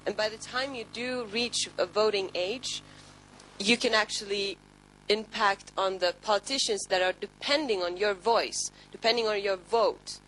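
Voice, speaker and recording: A woman's voice: medium pitch, normal speed, a bit bright, rough recording. Earnest Finnish-accented woman. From Finland. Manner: earnest, advising. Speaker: youth party international officer. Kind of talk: panel statement.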